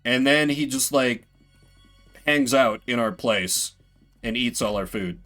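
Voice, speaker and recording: Speaking slowly in a mid-range, slightly bright voice, this man rambles casually while streaming a video game, with faint music behind him. He voices the game's text and slips in playful, mock-grandiose remarks.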